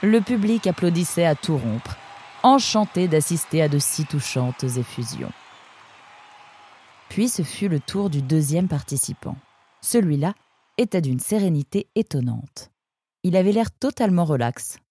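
Low-voiced woman reading a story. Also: unhurried, breathy edge. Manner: expressive reading. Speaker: narrator. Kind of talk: storybook narration.

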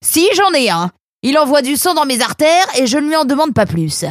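A man voicing a stout, bossy female fox nursemaid in a storybook reading, loud and harsh as she scolds. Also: very high voice, sing-song, a little fast, no echo, studio quality, voice pushed up. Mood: scolding.

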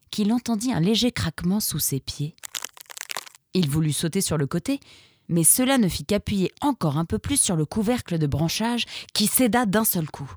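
A woman narrating an adventure story in a steady, vivid reading voice. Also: on the low side, slight background noise.

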